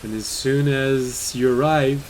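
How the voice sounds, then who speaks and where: A man's voice: mid-range voice, fairly even intonation, measured pace, poor audio. A man narrating a tabletop game as game master, chatty, with fillers and laughs. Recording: faint hiss in the background.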